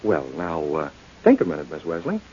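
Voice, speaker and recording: An actor playing a coolly polite, menacing doctor who is a murderer, in old-time radio crime drama style, probing with insinuating hesitations. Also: male voice, sits low, huge pitch swings, fairly quick, darkish tone, slight background noise. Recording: dull, lo-fi old radio recording.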